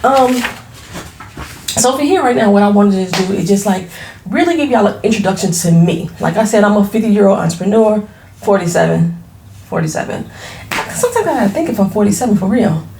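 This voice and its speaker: A woman's voice: medium pitch, lively intonation, a little fast, mellow, reverberant, a little hiss or hum. A woman in her forties, a small business owner, chatting frankly to camera at home, laughing easily and using casual slang. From Florida. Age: 40s. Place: her home, products on shelves behind.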